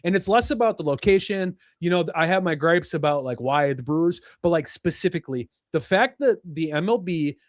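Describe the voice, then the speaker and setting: Young man, podcast co-host, animated rant, fillers, highish voice. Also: a little fast, hardly any pauses, no room sound, studio quality. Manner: animated, ranting, many fillers. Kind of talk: casual sports chat.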